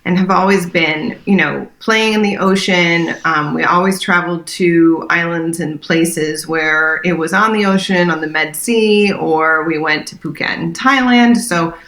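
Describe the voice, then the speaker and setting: A woman from France with a low-set, bright and forceful voice talks as an interview guest. She is earnest and enthusiastic, with frequent "um"s. The sound has a noticeably roomy echo. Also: unhurried, few pauses. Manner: earnest and enthusiastic, with many fillers. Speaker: interior designer, podcast guest. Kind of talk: casual interview chat.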